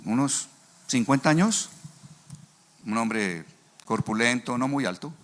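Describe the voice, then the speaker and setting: A middle-aged man, preaching a sermon and telling stories with lively quoted dialogue. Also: mid-range voice, slow. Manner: animated storyteller, acts out dialogue. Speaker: pastor. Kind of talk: sermon with storytelling.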